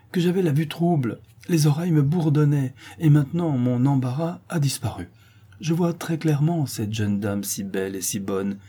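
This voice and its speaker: A man voicing a timid, emotional gentleman who stammers and gushes, in an audiobook reading. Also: on the high side, breathy edge, pitched above the performer's own voice. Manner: stammering, gushing, tearful. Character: timid, emotional middle-aged man, easily flustered.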